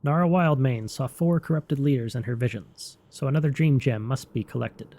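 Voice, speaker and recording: A man's voice: medium pitch, moderate pace, mellow, slight background noise. A man narrating scripted fantasy game lore as a storyteller.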